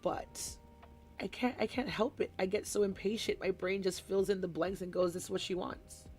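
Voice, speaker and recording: A chatty woman talking casually on a crafting live stream at home, drifting from one classroom story to the next. Her voice sits at a middle pitch, and she rambles in a friendly, unscripted way. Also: fairly even intonation, normal speed, darkish tone. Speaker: kindergarten teacher.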